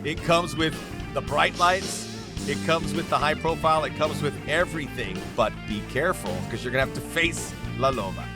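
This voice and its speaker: A man's voice: a little high, moderate pace. A man hosting a sports show, commentating on fights with punchy promotional phrasing over music. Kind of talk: MMA broadcast commentary. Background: music bed.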